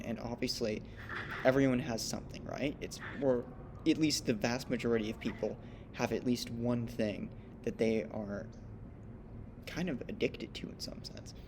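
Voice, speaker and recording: Male podcast co-host, mid-pitched and reflective; clear background rumble in the recording. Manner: thoughtful, explanatory, many "right?" tags. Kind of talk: casual discussion.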